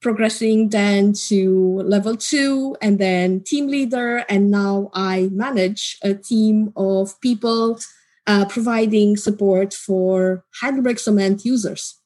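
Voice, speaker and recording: Husky woman. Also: medium pitch, a little mellow. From Romania. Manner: measured, explanatory. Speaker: guest, customer support team manager. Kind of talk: interview answers.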